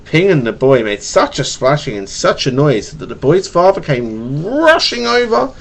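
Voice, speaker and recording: Captured on a webcam mic at home, this father's fairly high, gravelly voice comes through a rough recording. He reads a bedtime picture book to his child at normal speed, very animated, though he stutters, stumbling over and repeating words.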